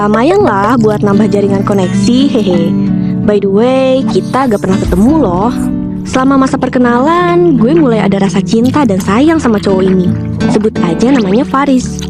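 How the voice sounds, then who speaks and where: A young woman with a medium-pitched voice tells a scripted ghost story in the first person, using casual slang. She's chatty and expressive and speaks straight to her listeners. Music plays in the background.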